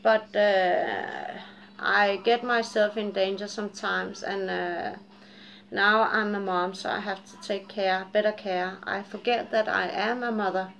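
A woman in her forties of Japanese and Danish background, with accents to match, gives a casual, candid chat to camera from a dim living room at home, rambling, laughing and cursing freely. Her gravelly voice is medium-pitched, steady, measured and fairly bright, but the highs are cut off.

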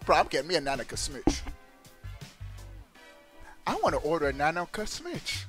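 A man hosting a gaming video channel, who talks in an excitable, laughing and slangy way and often says 'bro'. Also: on the high side, moderate pace, faint music behind. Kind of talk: casual gaming video commentary.

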